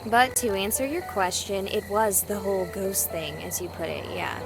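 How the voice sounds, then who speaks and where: A woman voices a candid, wry young woman in a visual novel, speaking conversationally, a little guarded, in a reflective mood. Her natural, creaky voice is medium-pitched and moderately paced, and the poor audio carries music, crickets, and frogs behind her.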